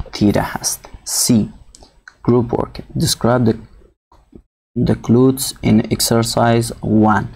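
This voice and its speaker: A man teaching an English textbook lesson, reading English lines very slowly and then translating them. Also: lowish voice, creaky, dark tone.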